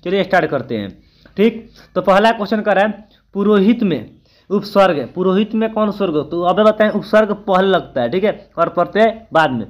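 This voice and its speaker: High-voiced man teaching exam prep. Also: expressive, fairly quick, highs cut off. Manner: chatty, keeps adding "ठीक है" after points; thinks aloud, corrects himself mid-answer. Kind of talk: casual exam-prep lesson.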